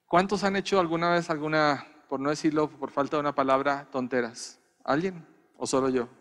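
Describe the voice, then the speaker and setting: A man's voice: a little high, fairly even intonation, a little fast, a bit bright, in a large hall. A man preaching a sermon as a pastor, from Colombia, stressing points by repeating his lines. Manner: emphatic preaching with repeated refrains. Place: church.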